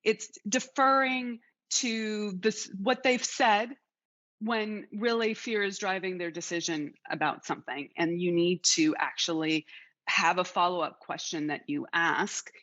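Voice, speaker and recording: A woman's voice: lowish voice, measured pace, fairly bright tone. Woman host with dull lo-fi sound. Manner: thoughtful, restarts phrases, steers the talk. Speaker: podcast host. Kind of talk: casual interview chat.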